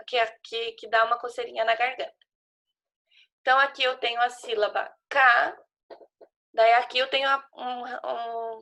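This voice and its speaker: A woman's voice: fairly high pitch, bright, forceful tone, highs cut off. A woman teacher with a Brazilian Portuguese accent, patiently walking young children through a worksheet and spelling out syllables. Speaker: primary school teacher. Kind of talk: remote class explaining a worksheet to children.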